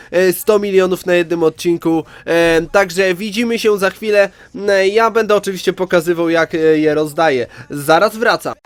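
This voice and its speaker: Man, nasal and congested from a cold, high-pitched, dry sound, casual let's-play commentary, chatty. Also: clear, resonant tone, no echo. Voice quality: nasal, stuffed-up voice. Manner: chatty, addresses viewers directly. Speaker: gaming video host.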